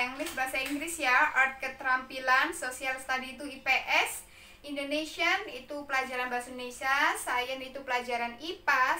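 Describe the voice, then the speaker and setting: A woman's voice: high-pitched, pushed and bright, echoey room, far from the mic, a little hiss or hum. A woman teaching English to young pupils, patiently explaining exam material, often checking in with little tag words. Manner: patient, repeats and checks with "ya" and "nah".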